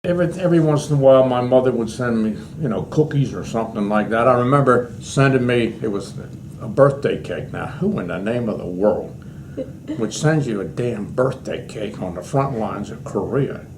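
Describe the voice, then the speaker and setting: A man's voice: medium pitch, lively intonation, moderate pace, darkish tone. An American man in his eighties, an old veteran remembering his service in a rambling, anecdotal way during an interview. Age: 80s. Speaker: war veteran being interviewed. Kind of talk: reminiscing in an oral history interview. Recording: noisy interview recording with room ambience.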